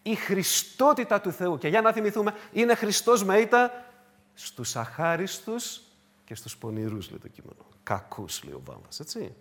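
A man preaching a sermon to his congregation, emphatic and repetitive, moving between loud declarations and hushed asides. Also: sits high, big pitch swings. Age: adult with wife and children.

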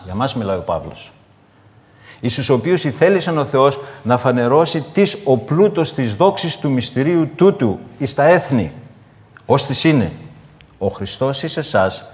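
A male preacher giving a sermon, moving between solemn scripture reading and animated, folksy storytelling with asides to his congregation. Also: medium pitch, big-room sound.

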